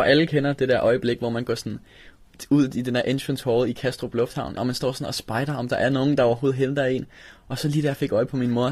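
A young man from Denmark telling a personal story, halting, with many restarts and fillers. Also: medium pitch, darkish tone, no echo. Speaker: interviewee telling his story. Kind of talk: personal recollection.

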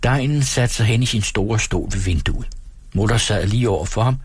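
A man from Denmark reading a novel aloud on his radio show, calm and measured. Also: lowish voice, slightly rough.

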